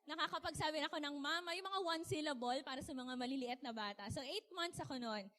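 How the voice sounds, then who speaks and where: A young woman from the Philippines giving a chatty, animated sermon, laughing often and asking her audience questions. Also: high-pitched, quick pace. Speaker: speaker. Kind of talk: casual sermon talk.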